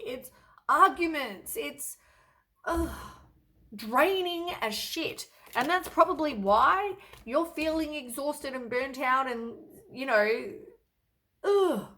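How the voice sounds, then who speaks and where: A woman's voice: high voice, a bit bright. A woman doing a casual tarot reading to camera, blunt and exasperated, with lots of sighs and casual swearing. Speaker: tarot reader.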